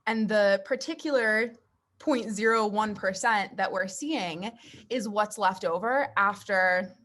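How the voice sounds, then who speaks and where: A woman podcast guest giving a reflective, conversational answer in a thoughtful, deliberate, explanatory way. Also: mid-range voice, fairly bright tone.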